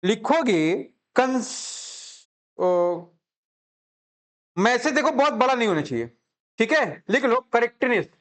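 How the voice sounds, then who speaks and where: A man's voice: very high-pitched, expressive, slow pace, long pauses. A man teaching a commerce class in a chatty, joking way, often checking that students follow. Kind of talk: classroom lecture.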